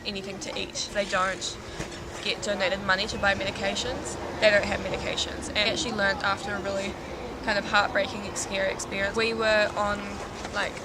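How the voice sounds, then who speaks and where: A young woman with a New Zealand accent talks briskly to camera in a medium-pitched, level voice, with loud noise behind her. She's a volunteer speaking earnestly and chattily in a casual way, often saying "like."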